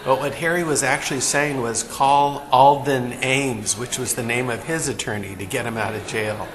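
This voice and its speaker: A man telling a family anecdote plainly, with small pauses. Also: mid-range voice, a crowd in the background. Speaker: storyteller. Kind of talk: casual storytelling.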